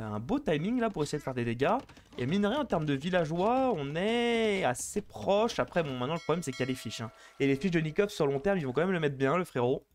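A man casting a live strategy game match, chatty and excitable, bantering with viewers between plays. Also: a little high, slight background noise. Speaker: esports caster.

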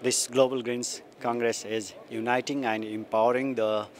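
A man's voice: medium pitch, level tone, normal speed. A man from Nepal, a party representative, searching for words into a handheld mic. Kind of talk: short on-camera statement. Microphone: handheld mic held close.

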